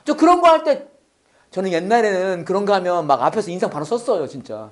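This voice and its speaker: A male pastor preaching a sermon. He acts out quotes, sometimes shouts, and sometimes drops to a near whisper. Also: high voice, very animated, quick pace.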